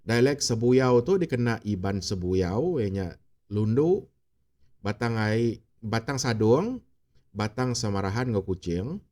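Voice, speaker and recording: A man from Sarawak narrating a read-aloud tale as a channel host, in a measured way, going through names one at a time. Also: lowish voice, lively intonation, darkish tone. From Sarawak, Malaysia.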